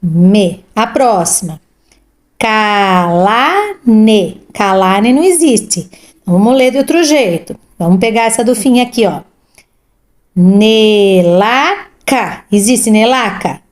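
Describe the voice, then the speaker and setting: A woman's voice: mid-range voice, animated, measured pace. A woman teaching reading to children, sounding out syllables and repeating each word twice, checking in often with "tá?". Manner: instructive, frequent "tá?" and "ó". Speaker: literacy teacher. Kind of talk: tutoring lesson, reading syllables aloud.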